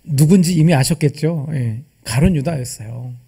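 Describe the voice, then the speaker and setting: Pastor guy preaching, high mellow voice kinda husky, keeps throwing questions at the church. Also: moderate pace, soft background music. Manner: asks the congregation rhetorical questions; acts out quoted dialogue. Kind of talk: sermon. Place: church service.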